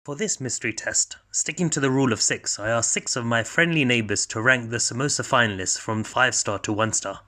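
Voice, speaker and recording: A medium-pitched man speaks briskly with few pauses, his voice pushed and bright, as he hosts a food tasting. Enthusiastic, he chews and rates each bite while giving casual commentary, with echo from the room around him.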